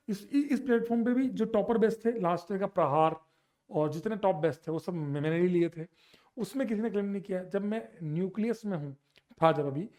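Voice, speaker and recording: A young man with a high-pitched voice teaches chemistry in an online lecture. He talks in a lively, teasing way and drops English terms in as he goes. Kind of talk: online exam-prep lecture.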